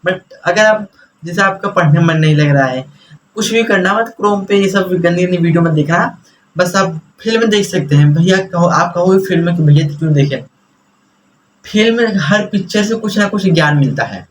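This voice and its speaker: A man's voice: high voice, animated, normal speed, a little hiss or hum, poor audio. A young man teaching a class in a chatty, lecturing way, mixing English words into his explanations.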